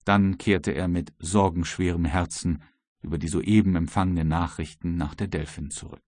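A man narrating an audiobook in a measured storytelling manner, with a husky voice. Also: low voice, fairly even intonation, a little mellow, no echo, clean studio sound. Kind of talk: scripted narration.

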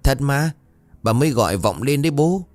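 A man's voice: medium pitch, lively intonation, normal speed, a little mellow, voice pushed up, close to an everyday voice. A man voicing an insistent little boy of about five in a ghost story. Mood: eager. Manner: eager, insistent.

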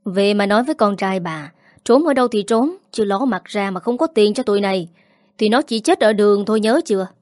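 A woman's voice: mid-range voice, a little fast, darkish tone, no room sound, clean studio sound, close to an everyday voice. A woman voicing a crude, menacing male debt collector who threatens and leers. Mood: threatening. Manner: threatening, sly. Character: menacing male loan shark, leering and crude.

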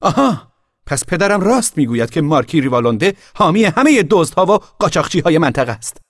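A man voicing a defiant, boastful boy in an audiobook, shouting his claims. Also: medium pitch, wildly swooping pitch, breathy edge, dry recording, studio quality, voice pushed up, heavily acted.

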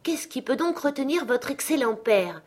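Fussy loving storybook mom, a little higher than the narration, a lady reading. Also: expressive, normal speed. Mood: fond. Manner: warm, fussing. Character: fussing, tender mother of a poor family.

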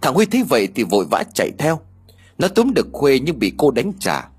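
A man narrating a ghost story audiobook with expressive, dramatic storytelling. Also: medium pitch, fairly quick, husky.

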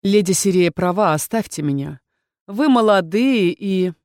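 A woman reading an audiobook, voicing a frail, gentle former female warden who sounds resigned and pleading. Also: mid-range voice, animated, measured pace, dry recording, clean studio sound, close to an everyday voice. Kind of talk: audiobook character voice.

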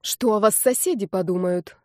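A woman's voice: medium pitch, moderate pace, no room sound, studio quality, lightly acted. A woman doing a stern nosy mother. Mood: scolding. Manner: scolding, curious.

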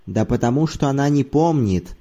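A man's voice: mid-range voice, lively intonation, normal speed, mellow, lightly acted. A man reading an audiobook in the voice of a lusty, boisterous old laborer who talks in earthy exclamations. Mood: rhapsodic.

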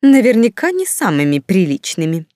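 A woman voicing an outraged gossiping baroness who talks with rising, indignant pitch in an audiobook. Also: sing-song, moderate pace, warm tone, dry recording, clean studio sound, lightly acted.

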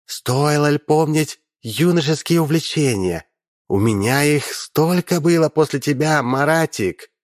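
A man voicing a flippant, vain young woman in a raised, drawn-out voice. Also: animated, dry recording, studio quality. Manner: pitched up high, drawn out.

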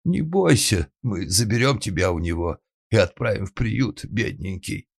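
A man voicing a huge, loud middle-aged lady who roars and then coos in baby talk. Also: on the low side, animated, normal speed, voice pushed up. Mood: cooing.

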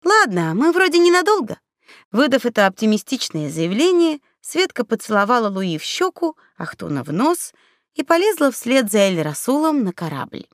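Woman narrator, fairy tale audiobook, expressive, playful, lively pitch, dry close recording. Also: normal speed, dry recording.

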